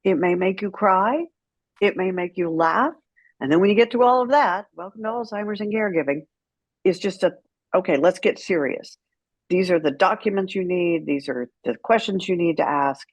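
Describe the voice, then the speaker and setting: This middle-aged woman, interviewed as a guest, speaks conversationally and frankly, with a wry tone, reenacting dialogue from her memories. Her voice is lowish at a normal pace, with no echo.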